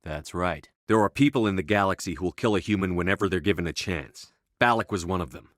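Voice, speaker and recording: A man playing a resolute human military commander in a space opera video game, speaking in a measured, authoritative, matter-of-fact way. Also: low voice, fairly bright tone, no echo, studio quality. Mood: grave, resolute.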